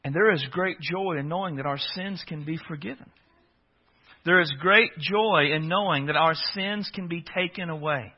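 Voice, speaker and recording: A man preaches with earnest, emphatic stresses, stopping now and then to restart a phrase. His voice sits somewhat high for a man. The audio is dull and lo-fi. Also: normal speed, husky. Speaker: pastor. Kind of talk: sermon.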